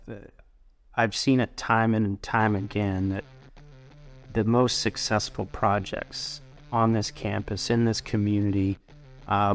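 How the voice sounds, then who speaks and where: A middle-aged man from Colorado, a university president, talking through an interview in a thoughtful, halting way with many restarts. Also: on the low side. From Colorado, USA. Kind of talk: casual interview conversation.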